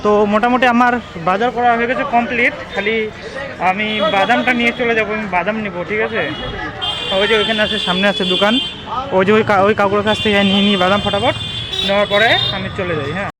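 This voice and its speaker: A man's voice: high voice, steady tone, fast talker, low-quality recording. A young man with a Bengali accent, chatting to viewers in a casual daily vlog while walking through a market at night, often checking in with them. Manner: chatty, addresses viewers as friends, keeps asking "okay?". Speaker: vlogger. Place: outdoor market and street at night. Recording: outdoor phone vlog with traffic noise. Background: street and vehicle noise.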